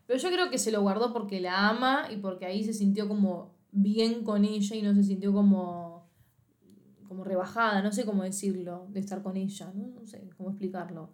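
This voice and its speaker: A woman with a Rioplatense Spanish accent co-hosting a podcast in casual chat, agreeable and trailing off softly as she explains. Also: medium pitch, moderate pace, echoey room. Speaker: podcast co-host.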